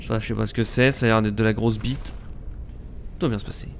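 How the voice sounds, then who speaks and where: A man streaming a live game, joking crudely and bursting into excited outbursts as he plays. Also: lowish voice, quick pace, gravelly, a little hiss or hum. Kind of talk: live gaming commentary.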